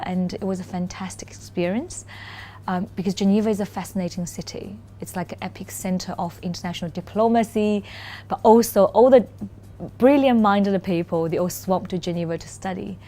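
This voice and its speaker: A Mandarin-native corporate lawyer from China, in her thirties, speaks English with a Chinese accent as a guest in a relaxed interview. She answers thoughtfully with frequent "um" pauses and restarts, in a mellow, mid-range voice.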